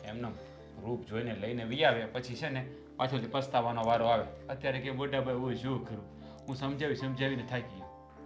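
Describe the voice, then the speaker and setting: A man's voice: medium pitch, steady tone, brisk, faint music behind, natural voice. An actor playing a frustrated elder brother and husband who complains about his family and bickers with his wife. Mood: grumbling. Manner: complaining, teasing banter. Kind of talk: family drama acting.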